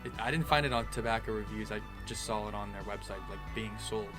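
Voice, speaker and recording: Casual man talking over clear music. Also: on the low side, fast. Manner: informal, loose delivery full of "like". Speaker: pipe tobacco reviewer. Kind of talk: casual review chat. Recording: music clearly playing behind.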